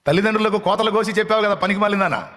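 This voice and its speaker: A man preaching a fiery sermon, scolding his listeners harshly with rapid, repeated rebukes. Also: high-pitched, pushed and bright, in a large hall.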